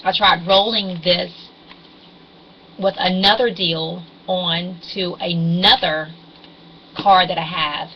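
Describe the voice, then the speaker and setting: Brief: woman in her 40s, fuzzy distorted webcam audio, lowish voice, meandering, dull lo-fi sound. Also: steady tone, slow pace, a little hiss or hum. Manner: meandering, hesitant, with frequent ums. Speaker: couponing vlogger. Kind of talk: casual rambling explainer.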